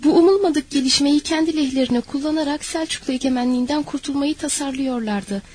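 A woman narrating a historical novel as an audiobook, in a measured, dramatic storytelling manner. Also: sits high, darkish tone, rough recording.

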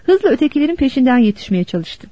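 A woman narrating a novel as an audiobook in a steady, expressive storytelling manner. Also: sits high, quick pace, no echo. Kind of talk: scripted narration. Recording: dull dry lo-fi recording.

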